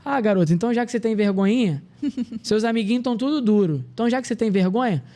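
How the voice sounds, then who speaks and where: Man playing a fond, teasing Bahian beach-vendor father; Bahian accent, raised pitch. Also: fast, mellow, natural voice. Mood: affectionate teasing. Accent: Bahian Portuguese.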